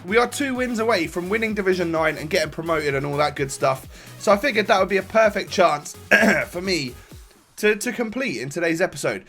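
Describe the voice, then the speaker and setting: A young gaming YouTuber, stuffy and congested from a cold, gives rambling, relaxed commentary over his own football gameplay, with frequent fillers and restarts. His voice sits high and runs a little fast. He's on a desk microphone, with faint music behind.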